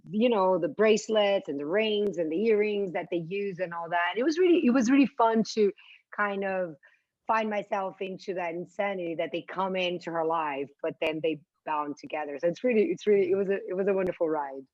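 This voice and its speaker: A woman's voice: lowish voice, no room sound. Enthusiastic woman guest, dry and slightly dull sound. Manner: enthusiastic, searching for words with repeats. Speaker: actress, interview guest. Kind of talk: press junket interview.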